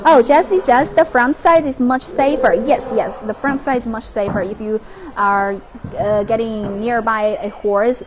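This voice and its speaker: A woman hosting a casual live stream from a horse stable, chatting excitedly and cooing at the horses. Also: mid-range voice. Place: horse stable with animals nearby. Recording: loud background noise from the stable.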